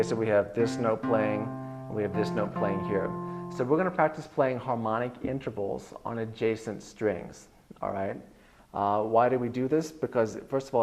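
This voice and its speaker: Relaxed and rambling, a man explains a guitar lesson in an online video with frequent fillers. His voice is bass-baritone.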